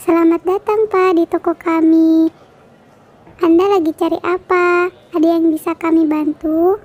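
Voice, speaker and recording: A woman's voice: very high-pitched, level tone, unhurried, darkish tone, lo-fi sound. A woman doing a gushing young shop girl. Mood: friendly. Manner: polite, gushing sales talk. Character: bubbly young female shop clerk.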